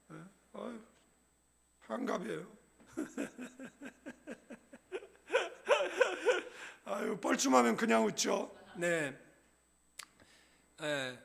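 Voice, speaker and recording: A man's voice: extremely high pitch, gravelly, a bit bright. A middle-aged male pastor preaching in a church, joking and conversational, often checking in with his congregation. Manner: humorous, conversational, asks the congregation "예?". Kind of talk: sermon. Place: church sanctuary.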